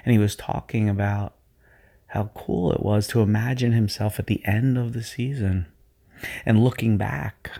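A man leads a guided visualization for athletes in a calm, hypnotic cadence. His voice sits low and carries a noticeable vocal fry. His tone is mellow, and he sounds like a sports coach easing listeners into focus. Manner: slow, soothing, hypnotic delivery.

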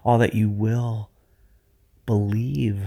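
A man working as a sports performance coach, leading athletes through a guided visualization in a slow, soothing, hypnotic way. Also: on the low side, steady tone, gravelly, warm tone.

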